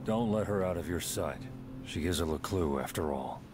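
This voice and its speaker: A man playing a gruff, stern, ominous old small-town sheriff in a video game. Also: low voice, expressive, normal speed. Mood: menacing. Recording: music behind the voice.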